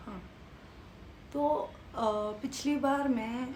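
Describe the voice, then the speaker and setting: Slow-talking young woman telling a story. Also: sits high. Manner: animated storytelling, mixes English phrases into her talk. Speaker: vlogger. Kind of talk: casual storytelling vlog. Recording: echoey room with faint background noise.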